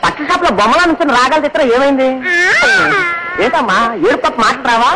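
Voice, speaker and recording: A shrill, teasing old-film police constable. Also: male voice, fast talker. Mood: teasing, scolding. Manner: loud, teasing and scolding, full of rural wordplay. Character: nosy, joking male railway police constable. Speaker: comic railway police constable. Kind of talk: 1980s Telugu film comedy. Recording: old film soundtrack with loud crowd noise.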